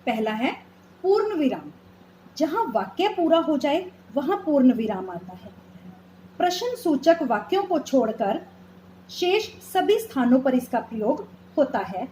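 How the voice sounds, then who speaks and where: A woman schoolteacher speaks in a high voice that rises and falls a lot. She is patient and takes her time over examples. The room echoes, with a faint hiss behind her. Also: very animated, mellow. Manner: patient, explains slowly with examples, calls students "beta". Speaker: school teacher. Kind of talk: classroom grammar lesson.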